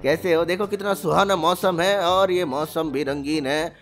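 A young man hosting a comic gameplay video, excitable and full of loud exclamations. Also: a little high, normal speed, soft background music. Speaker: gaming video host.

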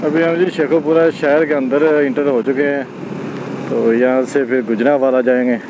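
A man's voice: mid-range voice, steady tone, normal speed, background noise. A young man, chatting to viewers as a travel vlogger while riding a motorbike outdoors, filmed on an action camera. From Pakistan. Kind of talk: casual travel vlog narration.

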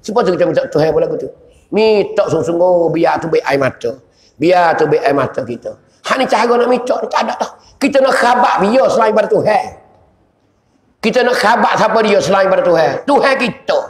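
A man with a Patani Malay accent, a religious teacher giving a sermon in a sing-song, prayer-like cadence full of repeated invocations and sudden shouts. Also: high voice, expressive, a little fast. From southern Thailand. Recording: echoey hall with long reverb.

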